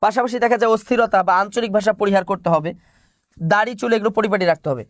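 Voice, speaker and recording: A man's voice: high voice, very fast, no echo, clean studio sound. A male teacher giving an online exam-prep class, explaining point by point, repeating key phrases and answering his own questions.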